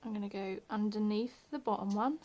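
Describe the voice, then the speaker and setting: Teaching crochet in a casual home tutorial, this woman talks a little fast in a warm, medium-pitched voice over dull audio. She's chatty and self-deprecating, murmuring as she works, and jokes that she's got her posh telephone voice on.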